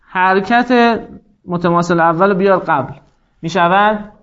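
A man teaching a grammar lesson, acting out little dialogues with the letters and slowing down to spell out word forms and dictate rules. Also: sits high, fairly bright tone, lo-fi sound. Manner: acts out dialogues with the letters, voicing them in quotes.

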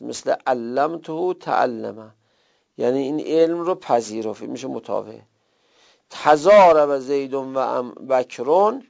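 A man's voice: on the high side, gravelly. A man teaching a grammar lesson, explaining and repeating word forms as he goes. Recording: muffled lo-fi recording.

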